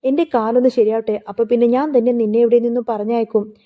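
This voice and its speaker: Woman reading as proud middle-aged mother, sharp-tongued, higher voice, narrow phone-like sound. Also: fairly even intonation, quick pace, lightly acted. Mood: scornful.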